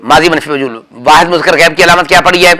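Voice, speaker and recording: His voice sits on the high side, bright and forceful, at a quick pace. Teaching grammar, he quizzes his students, names them one by one, and keeps correcting them firmly.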